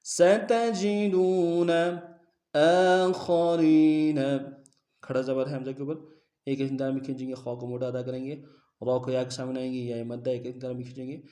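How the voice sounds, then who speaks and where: A man's voice: medium pitch, monotone, mellow. A man teaching Quran recitation, rattling off pronunciation rules one after another in a step-by-step lesson. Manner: rapid, instructive, drilling rules one by one. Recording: roomy echo.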